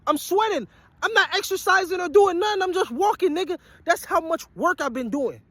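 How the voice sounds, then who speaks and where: A man in his twenties, a vlogger with musical ambitions, speaks in a very high-pitched, bright, forceful voice, animated and brisk. Fresh off a long work shift, he gives viewers a foul-mouthed motivational rant, relentlessly repeating his points.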